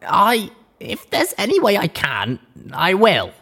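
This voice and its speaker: A man's voice: high-pitched, wildly swooping pitch, slow, vocal fry, pushed and bright, slightly rough, pitched above the performer's own voice, full character voice. A man voicing an earnest young female pony in a storybook reading, pleading and eager.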